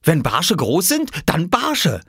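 Storybook audiobook: a man playing an eager little boy, high and breathless. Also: wildly swooping pitch, takes it slowly, creaky, a bit bright, husky, dry recording, clean studio sound, full character voice.

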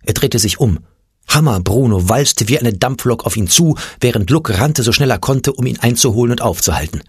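A man reading a children's audiobook in a lively storytelling manner, voicing the characters as he goes. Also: medium pitch, normal speed, breathy edge, dry recording, clean studio sound. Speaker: audiobook narrator.

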